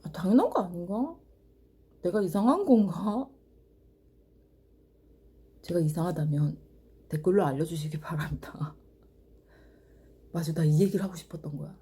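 A woman vlogger talking casually to her viewers, blunt and animated, swearing freely. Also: fairly low pitch, normal speed, long pauses, slightly rough.

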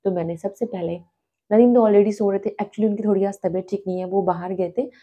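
A woman hosting a casual family vlog from home, talking softly and slowly so she won't wake the sleepers. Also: mid-range voice, steady tone, slightly rough, highs cut off. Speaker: family vlogger. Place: home, indoors.

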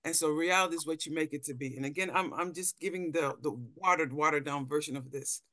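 In a studio-quality, dry recording, a deep-voiced woman with a fairly bright tone speaks at a quick pace. She's a middle-aged Dutch anthropologist and panel speaker giving a considered slide talk over a video call indoors, often repeating words as she looks for how to phrase things.

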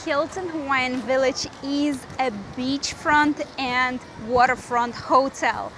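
Her high-pitched voice stays fairly even in intonation and takes its time. She's a travel vlogger acting as tour guide, narrating a relaxed outdoor walk around a resort lagoon in a chatty, upbeat way and pointing out sights. Outdoor noise fills the open-air recording.

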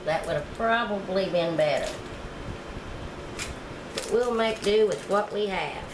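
This woman is a home cooking vlogger showing how to bake in her own kitchen, chatting with viewers in a relaxed, homey manner as she works. Her voice sits mid-range and she's unhurried. The room echoes, and there's background noise.

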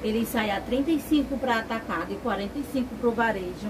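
A woman seller from Ceará with a Ceará accent, briskly explaining sizes, fabrics and wholesale prices to a visitor. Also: fairly high pitch. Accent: Brazilian Portuguese, Ceará. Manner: brisk, matter-of-fact sales talk. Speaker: stall seller. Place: indoor clothing stall. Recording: noisy market floor.

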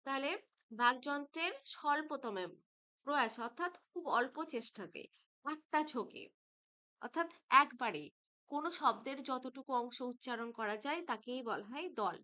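A woman teaching a school grammar lesson, patient and slow, stretching out syllables as she breaks words apart. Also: sits high, expressive, sharp tone.

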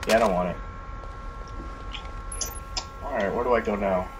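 A man with a somewhat low, nasal voice narrates his own gameplay in a loose, chatty way, cursing under his breath when he gets hit. He records through a poor headset mic, and clear hiss runs under every word. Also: moderate pace. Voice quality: nasal from allergies. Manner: reactive, swearing at the game. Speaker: gameplay commentator. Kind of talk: casual let's play commentary.

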